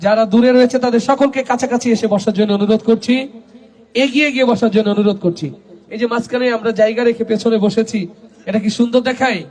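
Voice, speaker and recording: A man with a high voice addresses a large religious gathering through a stage microphone. He leads call-and-response, pushes the crowd to answer louder, and climbs into shouted chants. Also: fairly even intonation, fast talker. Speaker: gazal singer leading a religious gathering. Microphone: stage microphone through a public address system.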